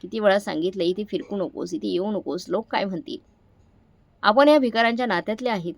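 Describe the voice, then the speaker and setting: A woman's voice: mid-range voice, fairly quick, gravelly, no echo. A woman voicing an arrogant, scornful young daughter-in-law in a story, speaking in a sneering, raised voice.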